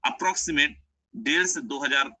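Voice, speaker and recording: Man, young adult, webinar presenter, persuasive sales pitch, very bright tense voice, dry close sound. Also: moderate pace, dry recording, poor audio. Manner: persuasive, repeats "my friend", mixes English phrases.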